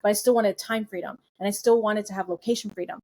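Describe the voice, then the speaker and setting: A woman's voice: mid-range voice, steady tone, fast talker, a little mellow. Earnest woman telling a personal story. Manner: earnest, emphatic, piling up phrases in lists. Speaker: guest nutritionist. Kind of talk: storytelling in a podcast interview.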